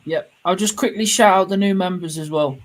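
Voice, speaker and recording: A man's voice: high-pitched, fairly quick. A British man co-hosting a podcast in a casual, chatty style. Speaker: podcast co-host. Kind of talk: casual chat.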